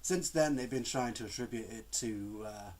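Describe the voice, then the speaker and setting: A man's voice: medium pitch, moderate pace, a little mellow, a little hiss or hum. A man with a cold, chatting casually to camera as a gaming vlogger in a rambling, exasperated way. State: has a cold, coughing. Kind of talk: casual vlog chat to camera.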